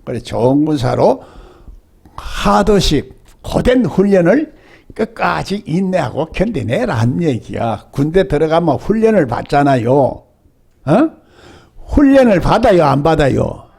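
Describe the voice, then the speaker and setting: A man's voice: fairly high pitch, sing-song, unhurried, vocal fry, darkish tone, breathy edge. An older male pastor with a Gyeongsang Korean accent, preaching a sermon and often asking the congregation rhetorical questions.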